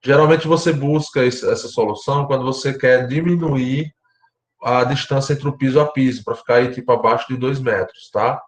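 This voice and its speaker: A Brazilian man lecturing architecture students online, explaining step by step and often checking in with his class, his voice going hoarse. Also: medium pitch, moderate pace, reverberant. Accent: Brazilian Portuguese. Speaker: university lecturer.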